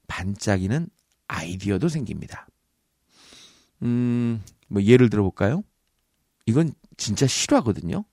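A man's voice: medium pitch, dark tone, dry recording, studio quality. A man hosting a podcast speech-coaching segment, giving comic workplace advice in a playful, teasing way and acting out little scenes. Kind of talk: comedic advice monologue.

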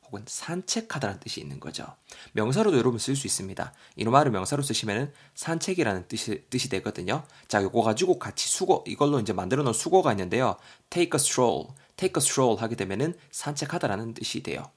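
Male teacher, husky and animated, jokey podcast lesson. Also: mid-range voice, brisk. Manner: lively, jokey, spells words letter by letter. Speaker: English vocabulary teacher.

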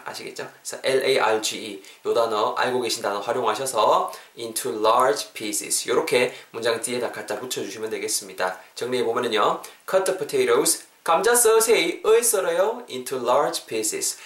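A young man, hosting a podcast English lesson in a lively, chatty way and repeating phrases slowly for practice. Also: medium pitch. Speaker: English teacher and podcast host. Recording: roomy echo.

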